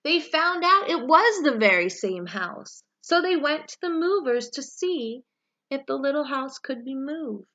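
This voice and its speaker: A woman reading a children's picture book aloud, with expressive, deliberate storytelling phrasing. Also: sits high, lo-fi sound. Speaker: story reader, read-aloud for young children.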